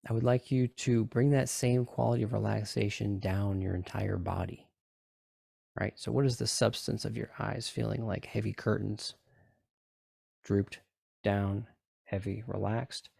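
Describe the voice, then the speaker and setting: A low-voiced man with a noticeable creak leads a guided relaxation session. He coaxes listeners through repetitive, step-by-step instructions and checks in with brief questions. The sound is dry and free of room echo. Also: flat delivery, a little slow, a little mellow. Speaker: group session leader guiding tapping and relaxation.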